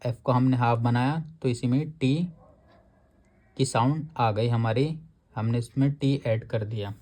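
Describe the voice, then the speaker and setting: A male shorthand teacher talks through his lesson at an unhurried, deliberate pace. His voice is dark and mellow, with an ordinary middle pitch. He explains patiently and drags out each word when he reads a rule aloud. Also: fairly even intonation.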